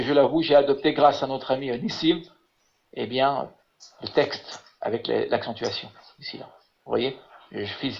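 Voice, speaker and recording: Halting man teaching over a muffled call. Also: medium pitch. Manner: halting, repeats words and fills with "voilà". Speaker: Hebrew teacher. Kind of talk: online lesson. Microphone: video call. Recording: muffled lo-fi web call audio.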